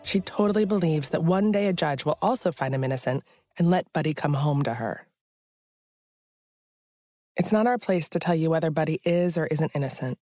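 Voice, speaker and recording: A woman hosting and narrating a podcast in a measured, serious scripted style. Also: deep voice, darkish tone, dry recording, clean studio sound. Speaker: podcast host.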